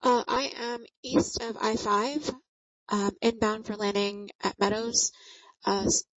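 Female pilot over the radio, highish voice, hesitant, dull dry transmission. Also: steady tone, measured pace, dry recording.

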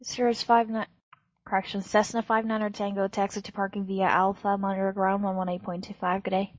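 Woman, air traffic controller, flat delivery, clipped phraseology, dull dry audio. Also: medium pitch, a little fast, no room sound.

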